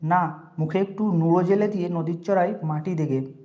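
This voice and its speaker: A callous older village priest in a spoken story, voiced by the narrator. He talks in a flat, offhand way with a dark, mellow tone. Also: mid-range voice, normal speed, dull audio, natural voice.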